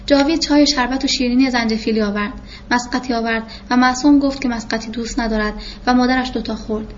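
A woman narrating a first-person novel in a reflective, measured way, in a muffled recording with faint hiss. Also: on the high side, steady tone. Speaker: audiobook narrator.

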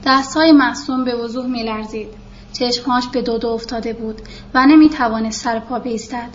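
High-voiced woman reading a novel aloud. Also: fairly even intonation, muffled recording, a little hiss or hum. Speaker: audiobook narrator. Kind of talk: scripted narration of a novel.

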